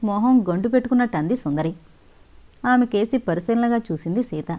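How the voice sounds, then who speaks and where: A woman narrating an audio novel in a steady, measured reading voice. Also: fairly high pitch, dull audio.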